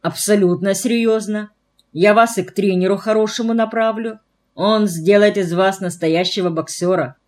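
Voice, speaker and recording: Brief: a composed young scholar, courteous and measured, read by a woman, storybook. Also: mid-range voice, fairly even intonation, a little mellow, natural voice. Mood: groaning, earnest. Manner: polite, measured, groaning. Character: slim young male scientist, calm and courteous.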